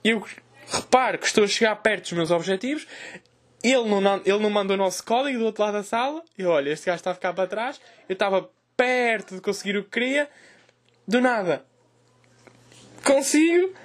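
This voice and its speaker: A young man with a European Portuguese accent tells a crude, animated comic story. His voice sits noticeably high. He talks at a rapid, rushing pace. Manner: animated, crude joking, loud cries in retold scenes. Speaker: host.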